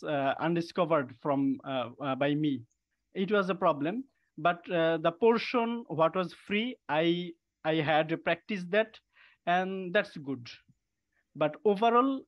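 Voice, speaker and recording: A male student on a conference call gives a hesitant, polite course review full of filler sounds. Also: on the high side. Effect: conference call audio. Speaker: student in a coding bootcamp. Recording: dull lo-fi call line.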